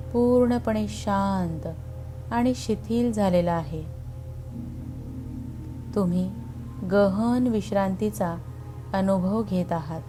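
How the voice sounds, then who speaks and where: In a medium-pitched voice, a woman guides a meditation with background music playing. Her delivery is soothing, calm, and unhurried, marked by long pauses.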